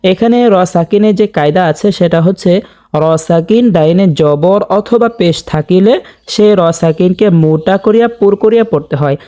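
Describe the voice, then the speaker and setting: Slow, mellow-voiced man teaching Quran recitation. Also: high voice. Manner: patient, repeats each word slowly and stretches recited vowels; addresses viewers directly as dear viewers. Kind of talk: step-by-step tajweed lesson.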